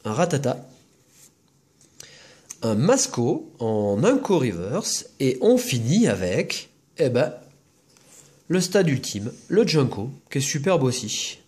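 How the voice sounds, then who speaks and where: A mid-range, husky voice with a darkish tone and big pitch swings belongs to this host opening trading card packs. In his casual video he chats, naming each card and giving short reactions.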